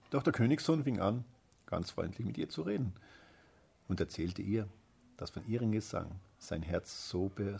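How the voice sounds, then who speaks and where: Husky low-voiced man reading a fairy tale. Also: dark tone. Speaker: narrator.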